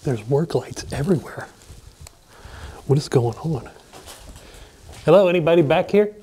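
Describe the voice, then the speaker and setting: With a slightly high, warm voice that has a breathy edge, this man sounds animated yet unhurried. He's an urban explorer vlogger walking through a dark abandoned hospital indoors, filming as he goes and narrating his exploration to viewers with a sense of awe.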